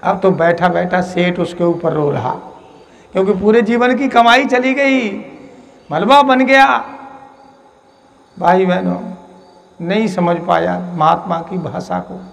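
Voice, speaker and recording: Man, preacher, high-pitched, gravelly, devotional sermon, repeats phrases, chants verses. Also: takes it slowly, pauses often. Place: ashram gathering.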